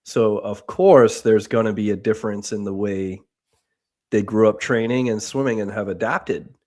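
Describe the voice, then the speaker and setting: A man from the Bahamas co-hosting a casual sports podcast, explaining his view in a measured way with examples. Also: fairly low pitch, fairly even intonation, darkish tone. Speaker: podcast co-host.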